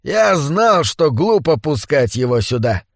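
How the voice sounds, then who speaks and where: A man voicing a haughty, bad-tempered old man in a wheelchair, domineering and prone to shouting, in an audiobook. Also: fairly high pitch, lively intonation, unhurried, no room sound, clean studio sound. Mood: furious. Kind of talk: audiobook character voice.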